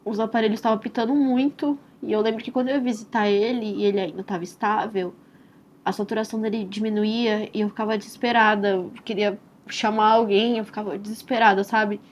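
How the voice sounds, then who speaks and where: A young Brazilian woman tells her own story as a mother in a soft, tender and reflective way, often adding "né?" and "assim". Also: medium pitch, fairly even intonation, fairly quick. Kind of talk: personal testimonial storytelling. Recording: slightly dull recording with faint hiss.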